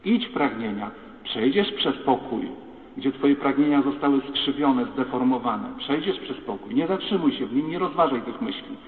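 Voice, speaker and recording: A man, a priest, giving an animated sermon that speaks straight to his congregation. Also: medium pitch, moderate pace. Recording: far-off mic in echoey church, phone-like sound.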